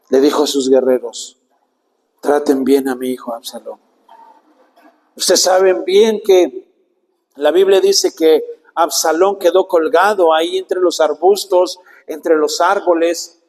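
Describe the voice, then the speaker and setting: A man preaching a sermon, earnest and slow, often turning to the listener with direct questions. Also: fairly high pitch, steady tone, darkish tone, big-room sound, poor audio.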